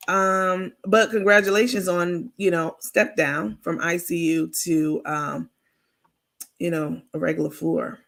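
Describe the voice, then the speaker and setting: This livestream host, a woman, talks casually with her audience and reads their comments out loud. Her raspy voice sits on the low side and has a bit of brightness.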